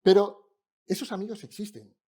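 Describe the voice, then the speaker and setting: A man's voice: high voice, level tone, moderate pace, mellow. A man preaching a sermon in a church, conversational and humorous, speaking directly to the congregation. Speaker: pastor preaching. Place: church in Barcelona.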